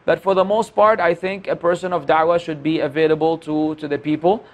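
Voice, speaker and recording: A man in his forties with a noticeably high-pitched voice chats on a podcast. He talks candidly and pokes fun at himself, often restarting his sentences mid-thought. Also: steady tone, fairly quick. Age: 40s. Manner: candid, self-deprecating, lots of restarts. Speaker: podcast guest, Islamic preacher. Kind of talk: casual podcast conversation.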